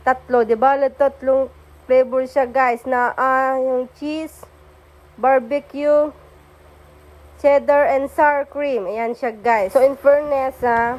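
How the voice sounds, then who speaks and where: Young woman vlogger, high bright voice, chatty and teasing, casual unboxing talk. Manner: chatty, playful, teasing a partner on camera. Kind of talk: casual unboxing and taste-test vlog.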